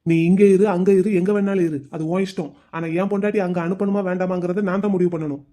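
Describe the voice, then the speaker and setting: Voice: medium pitch, steady tone, quick pace, mellow, lightly acted. A voice actor playing a curt, protective young husband in a cartoon story, speaking firmly. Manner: firm, curt.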